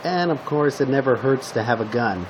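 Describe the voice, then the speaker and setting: A noisy home recording with a constant hum captures a man improvising as a male zombie apocalypse survivor, handing out tips in a cautioning, instructive mood. The roleplay video host acts only lightly, speaking at an ordinary pitch in a plain, conversational way that often halts and repeats.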